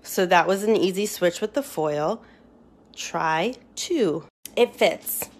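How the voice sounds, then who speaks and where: Taking her time in a fairly low voice, a home cook chats with enthusiasm through a relaxed kitchen vlog. She records it all on a phone held in her hand.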